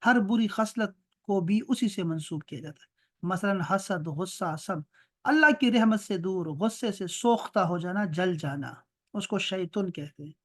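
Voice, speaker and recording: A man's voice: high-pitched, fairly bright tone. Urdu-accented man teaching grammar. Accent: Pakistani Urdu. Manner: explains patiently, chants verb patterns slowly, checks understanding. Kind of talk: online class lesson.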